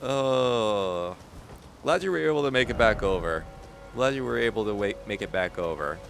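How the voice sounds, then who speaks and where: Guy streaming a game, super animated bright voice, repeats himself a lot, bit of music behind. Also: lowish voice, normal speed, gravelly. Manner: animated, yelping, repeats phrases. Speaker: live streamer. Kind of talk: excited gaming livestream chat.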